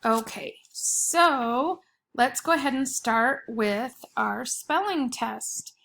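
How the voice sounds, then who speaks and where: A woman's voice: on the high side, animated, slow pace, creaky, fairly bright tone, a little hiss or hum. A woman, a schoolteacher dictating a spelling test, setting words apart carefully and repeating them. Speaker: elementary school teacher.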